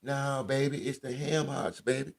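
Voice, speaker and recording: A man's voice: mid-range voice, flat delivery, normal speed, gravelly, heavy background noise, voice pushed up, natural voice. A man imitating his affectionate old grandmother as she rambles through a recipe. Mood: folksy. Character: kindly old grandmother giving vague cooking tips.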